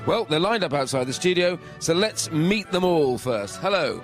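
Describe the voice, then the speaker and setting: A man hosting a live radio show, brisk and chatty as he greets a line of guests in the studio. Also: fairly high pitch, animated, faint music behind. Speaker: radio host. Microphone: studio microphone.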